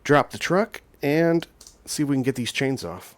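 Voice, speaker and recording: A man's voice: mid-range voice, animated, normal speed. A man casually commenting on his truck-driving gameplay, rambling with frequent ums and restarts as he plays. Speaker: gaming channel host.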